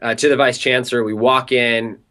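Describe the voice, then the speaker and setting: A man's voice: mid-range voice, steady tone, normal speed, pushed and bright. Young man telling a story. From Southern California. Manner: chatty, peppered with "like" fillers. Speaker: interview guest. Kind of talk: animated storytelling in an interview.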